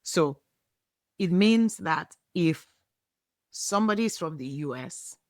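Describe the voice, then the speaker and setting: A woman hosting a podcast, delivering scripted explanatory narration in deliberate, emphatic short phrases. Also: lowish voice, animated, no room sound, studio quality. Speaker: podcast host.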